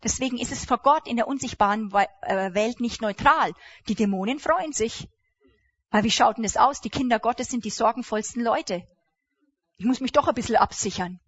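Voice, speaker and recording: Animated woman preacher, dull lo-fi sound. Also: on the high side, normal speed, breathy edge. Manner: animated, emphatic, acts out quoted speech. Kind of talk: sermon.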